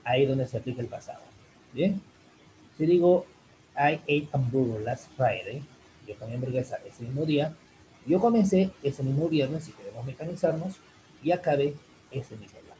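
A man teaching an online English class in Spanish, answering a student's question in a rambling way with many fillers, addressing the students warmly as "chicos". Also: mid-range voice, lively intonation, moderate pace, slight background noise, low-quality recording. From Peru. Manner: rambling, full of fillers like "en este caso" and "chicos".

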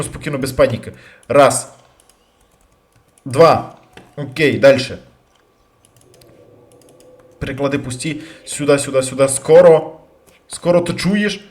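A man commentating his own gameplay, bursting into loud curses and then dropping to quiet muttering. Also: fairly high pitch. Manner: loud outbursts and heavy swearing; jumpy, rapid switches between yelling and muttering. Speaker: let's play gamer.

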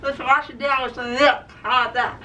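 A woman's voice: high voice, fairly even intonation, brisk, dull audio. A young woman hosting a casual, playful challenge, her words slurred and lisping with lips held stretched open by a mouth guard. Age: young adult. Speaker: host of a challenge video. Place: indoors, small room against a fabric backdrop. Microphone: camera a few steps away. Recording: distant camera mic, faint room noise.

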